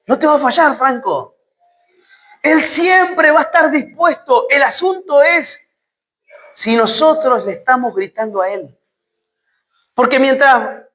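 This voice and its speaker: A woman preacher with an Argentine accent giving an emphatic sermon, repeating key phrases and dropping low for emphasis. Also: a bit bright. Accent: Argentine Spanish.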